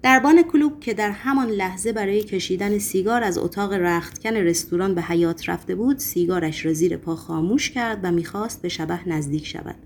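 A woman narrating a novel as an audiobook, reading in a steady, measured way. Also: medium pitch, a little hiss or hum. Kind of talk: scripted narration.

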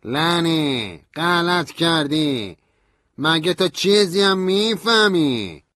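A shrill, loud grown man, bitter and volatile, who drawls his jabs slowly and bursts into shouts. The voice sits far above a normal male register, and the recording is dry and close. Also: sing-song, dry recording. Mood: angry. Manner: sneering, drawn-out and shouting.

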